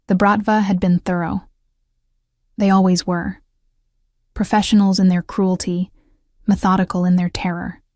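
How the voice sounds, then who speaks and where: A woman storyteller reading a dark romance story in the first person with a measured, steady delivery. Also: on the low side, dry recording, studio quality.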